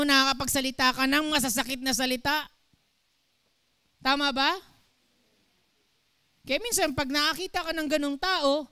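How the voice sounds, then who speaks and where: Lively woman pastor preaching. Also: high-pitched, no room sound. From Philippines. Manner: animated, asks the congregation questions, acts out quotes. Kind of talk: sermon. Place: church.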